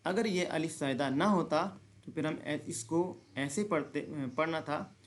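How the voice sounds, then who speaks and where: A man leads a recitation lesson at a slow, unhurried pace. His voice sits somewhat high for a man, and he draws out each example word. He often asks a question and then answers it himself. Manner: explains rules then recites words slowly and drawn out. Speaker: Quran reading teacher.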